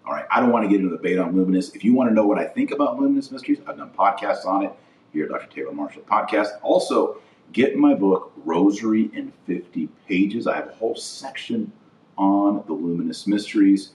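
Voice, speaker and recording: An animated, fast-talking male podcast host with a fairly deep, slightly mellow voice airs his opinions informally, bluntly and indignantly, repeating things for emphasis. The sound is roomy and echoey, he's distant from the microphone, and there's slight background noise.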